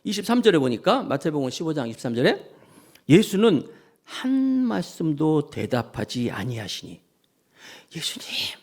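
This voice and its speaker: Man pastor preaching, really animated, voice jumps all over, bit high. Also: moderate pace. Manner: animated, acts out scripture scenes; leads congregation in call-and-response. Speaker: senior pastor. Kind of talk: sermon.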